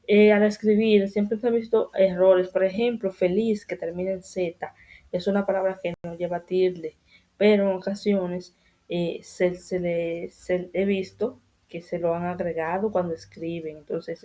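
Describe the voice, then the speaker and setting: Woman teacher addressing children, unhurried and deliberate, mellow tone, repeats key points. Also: fairly low pitch, fairly even intonation. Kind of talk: spanish grammar lesson for children.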